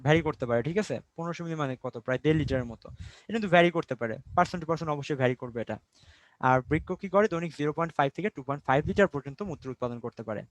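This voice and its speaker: Fast-talking young Bangladeshi man tutoring. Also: on the high side, no echo. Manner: explains step by step with rhetorical questions, mixes English words. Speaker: biology tutor. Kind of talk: online class lecture.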